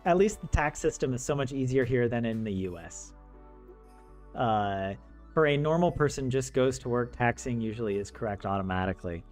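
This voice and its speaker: Over faint video game music, an American streamer who teaches Finnish talks loosely about living abroad, cracking jokes and laughing between fillers and false starts. The young man speaks at a moderate pace in an expressive, medium-pitched voice.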